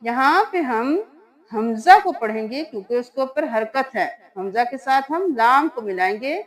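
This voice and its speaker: Woman Quran tutor with a Pakistani Urdu accent, high voice, patient step-by-step spelling-out of letters. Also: lively intonation. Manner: patient step-by-step explaining, then slow drawn-out chanting of verses. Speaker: Quran recitation teacher. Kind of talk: spelling-out recitation lesson.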